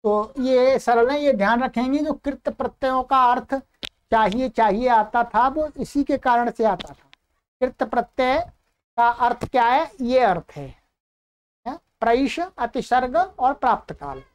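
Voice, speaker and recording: A woman giving a grammar lesson, asking and answering her own questions and reciting examples slowly. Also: a little high, expressive. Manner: slow, drawn-out recitation of Sanskrit examples. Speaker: Sanskrit grammar teacher. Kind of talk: explanatory lesson.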